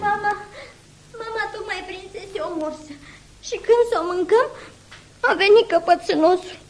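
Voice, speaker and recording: A woman's voice: very high voice, slight background noise. A woman voicing a small, hurt boy bear cub who speaks in a plaintive, tearful way. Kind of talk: radio play acting.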